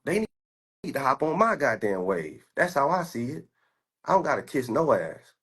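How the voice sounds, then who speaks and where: A man's voice: mid-range voice, sing-song, normal speed, a bit bright, slightly rough. A man in his twenties from the United States, a stock trader giving a boastful, profane, confrontational rant while showing his screen. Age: 20s.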